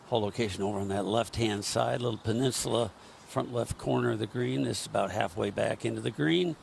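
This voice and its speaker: A man's voice: brisk, creaky. A man giving live golf tournament commentary, describing shots and greens analytically in short phrases. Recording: noisy outdoor broadcast with ambient rumble.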